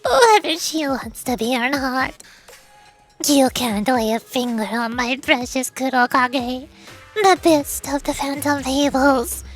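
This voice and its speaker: A woman's voice: high-pitched, animated, takes it slowly, soft background music. A woman voicing a spooky evil child villainess from a game, gloating and mock-sweet, theatrical and taunting. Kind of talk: amateur voice acting of a game story.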